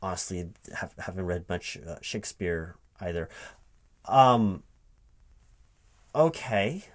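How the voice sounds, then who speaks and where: Speaking in a low voice with lively intonation, a man takes the role of a recruiting manager in a one-sided job interview ASMR roleplay. He pauses and puzzles over things, often repeating them to check, and keyboard typing runs in the background.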